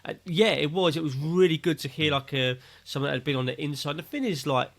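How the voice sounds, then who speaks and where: A man's voice: a little high, fast, gravelly. A man co-hosting a podcast, chatting casually and ribbing his co-host, swearing freely. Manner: joking, banter-heavy, swears freely. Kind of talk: casual chat.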